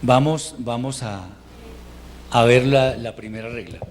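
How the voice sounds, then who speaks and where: A man teaches Hebrew reading rules in an unhurried, patient way, stopping to restart his sentences. His voice sits in a middle pitch range. A faint background hiss runs under the recording. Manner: patient, explains step by step with pauses and restarts. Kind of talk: informal language lesson.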